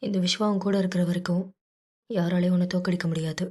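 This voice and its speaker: A woman voicing a grown man, a steady friend who speaks firmly to console his partner. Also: on the low side, quick pace, close to an everyday voice. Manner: firm, consoling.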